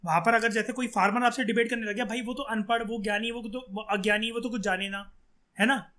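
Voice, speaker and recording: A man's voice: sits high, fairly even intonation, fairly quick, pushed and bright. A male teacher giving a chatty lecture, talking straight to his students and acting out example lines. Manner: chatty, addresses students directly and acts out lines.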